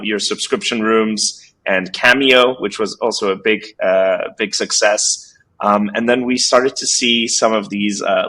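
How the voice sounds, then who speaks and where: A low-pitched man in his thirties, raised in Switzerland, speaks as a startup founder guest in a relaxed interview. He talks loosely and rambles, full of fillers and restarts as he tells his story. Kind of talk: casual interview conversation.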